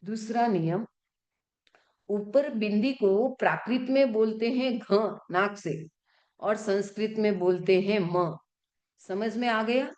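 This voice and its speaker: A woman, a Jain nun, teaching a class in religious chanting and pronunciation. She asks the class questions and answers them herself, and slows right down to sound out words. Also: medium pitch, a little mellow. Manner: stretches words slowly when showing pronunciation.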